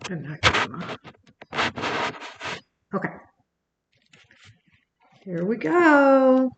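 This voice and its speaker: An older woman, a grandmother, reading a picture book aloud on camera and gently talking to her grandchild between pages. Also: high-pitched, big pitch swings, very slow, reverberant. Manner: gentle, talks to the child by name between pages. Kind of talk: recorded bedtime story reading.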